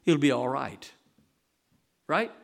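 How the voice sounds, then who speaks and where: A male pastor preaching a sermon in a church, lively and folksy, acting out the voices of people in his stories. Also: mid-range voice, slow, vocal fry. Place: church sanctuary.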